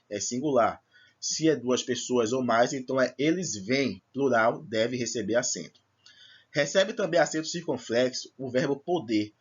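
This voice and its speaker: A man's voice: mid-range voice, breathy edge, dull audio. A man teaching a recorded lesson, explaining step by step in a patient way and checking that his students follow. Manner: patient, explanatory, checks understanding with "certo?" and "tá bom?".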